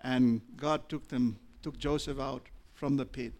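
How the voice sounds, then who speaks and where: This Australian man is a pastor giving a sermon, starting low and deliberate before building to loud, passionate preaching, with intonation that stays fairly even.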